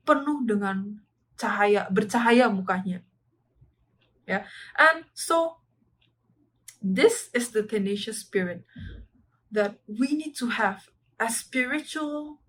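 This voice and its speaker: Woman, church sermon sharing, earnest, slightly high voice, switches languages mid-sentence. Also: a bit bright, poor audio. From Indonesia. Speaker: church speaker.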